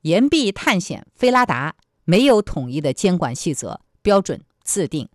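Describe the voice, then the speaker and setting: A woman news presenter with a slightly low voice reads scripted news and commentary. The sound is close and dry, with hardly any room. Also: big pitch swings, normal speed, no room sound.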